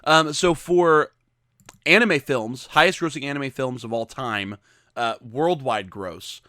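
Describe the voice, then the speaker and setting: A man co-hosting a podcast, chatting casually and weighing his opinions out loud. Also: medium pitch, slow, no room sound, studio quality. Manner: thoughtful, hedging. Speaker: podcast co-host. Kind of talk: casual chat.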